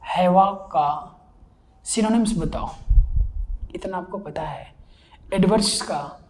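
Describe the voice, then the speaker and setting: Guy teaching an online class, warm mellow voice, keeps repeating words and asking if everyone gets it. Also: high voice, slow. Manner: explanatory, repeats key words, checks students understand. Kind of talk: live online vocabulary class.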